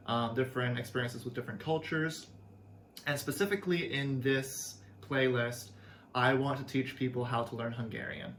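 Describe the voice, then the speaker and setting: This is a relaxed video lesson from a young man who teaches languages, speaking Canadian English in a mid-range, fairly bright voice. He comes across as warm and sincere, using some fillers, while a bit of hiss or hum and faint ambience fill the echoey room.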